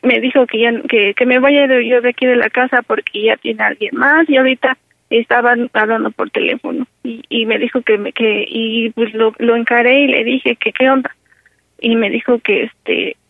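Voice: mid-range voice, fairly even intonation, moderate pace, gravelly, no room sound, close to an everyday voice. A performer playing a distraught young wife who rambles and pleads with her mother over a phone line. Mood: pleading. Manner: pleading, tearful rambling with many restarts. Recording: narrow phone line, dry.

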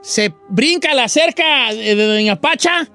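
A man's voice: very high voice, lively intonation, a little slow, bright, forceful tone, faint music behind. A man from Michoacán with a Mexican accent, telling a comic story in a campy, theatrical way and calling his listeners dear. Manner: theatrical, campy, calls listeners "hija" and "chiquita". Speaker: storyteller on a comedy show.

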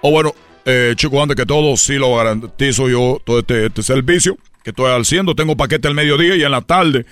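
Guy on a comedy radio bit, rambling storyteller, dry mic, soft music behind. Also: mid-range voice, a little fast, no room sound. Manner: rambling and playful, slipping into voices. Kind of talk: comic storytelling skit.

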